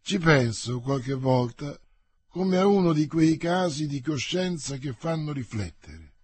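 A man's voice: on the high side, lively intonation, unhurried, breathy edge. A man voicing a suave, thoughtful musketeer-priest. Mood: reflective. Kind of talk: audiobook reading.

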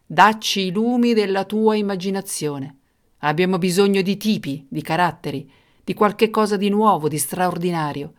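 A woman voicing a cruel, mocking male king who booms and shouts. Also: moderate pace, close to an everyday voice. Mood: jeering. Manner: booming, jeering, shouting.

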